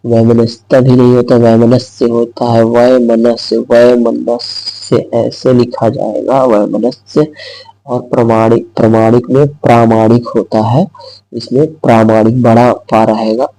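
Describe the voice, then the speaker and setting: A man's voice: medium pitch, level tone, a little slow, dark tone, rough recording. A man teaching an exam-prep lesson who repeats each word and answer aloud and explains step by step.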